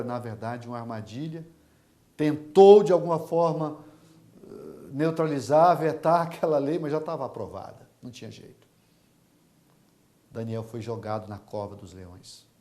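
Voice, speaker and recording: A middle-aged Brazilian man preaching a sermon as pastor, swinging from hushed, low-key passages to loud, impassioned ones. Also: moderate pace. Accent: Brazilian Portuguese.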